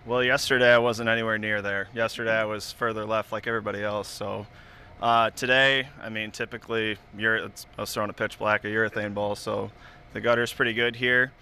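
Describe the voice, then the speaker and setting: A man's voice: fairly low pitch, level tone, a little fast, pushed and bright, clear, resonant tone. A man who has just won a bowling tournament, talking about it in a modest, easygoing way. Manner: modest, easygoing, many "I mean"s. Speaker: tournament champion bowler. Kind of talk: casual post-match interview.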